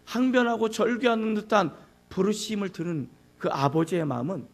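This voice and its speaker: High, gravelly-voiced pastor preaching dramatically. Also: male voice, normal speed. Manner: dramatic, acts out cries and asks the congregation questions. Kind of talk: sermon.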